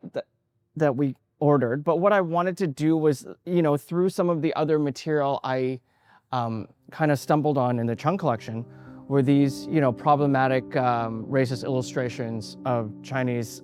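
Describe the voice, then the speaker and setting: A Canadian-raised artist in his forties talks about his work in an interview, thoughtful and hesitant, with many fillers and restarts. His voice is medium-pitched with a darkish tone.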